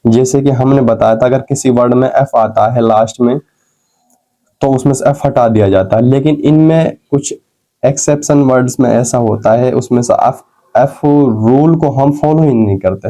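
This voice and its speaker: Man, very dark mellow tone, patient teacher, asks and answers his own questions. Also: mid-range voice, poor audio. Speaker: English teacher. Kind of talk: explaining grammar rules to students.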